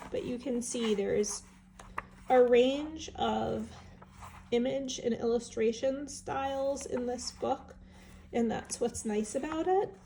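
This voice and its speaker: Slow, gravelly woman with a stuffed-up nose. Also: a little high, dark tone, slight background noise. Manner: chatty, enthusiastic, musing aloud with fillers. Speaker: vintage seller showing an estate sale haul. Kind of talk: casual show-and-tell vlog.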